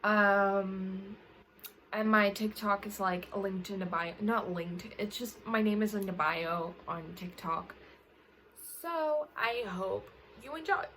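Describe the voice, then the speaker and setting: A young woman talks casually to camera as a book vlogger. She rambles, fills pauses with ums and corrects herself mid-sentence. Her pitch sits in an ordinary middle range for a woman. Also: a bit bright, a little hiss or hum, rough recording. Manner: rambling, with frequent self-corrections and fillers.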